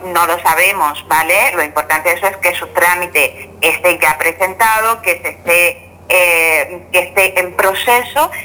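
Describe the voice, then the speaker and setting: An older woman with a slightly hoarse voice on a phone call, explaining things informally and reassuringly as a guest lawyer. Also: on the low side. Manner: reassuring, checks in with tag questions. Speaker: immigration lawyer, radio guest. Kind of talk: informal explanatory interview talk. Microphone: telephone. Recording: bright phone call with faint noise.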